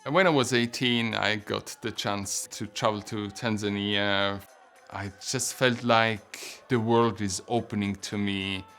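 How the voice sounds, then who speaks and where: Slow, low-voiced man with Swiss German accent. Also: steady tone, fairly bright tone, faint music behind. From Switzerland. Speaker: patient telling his story. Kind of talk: personal testimonial narration.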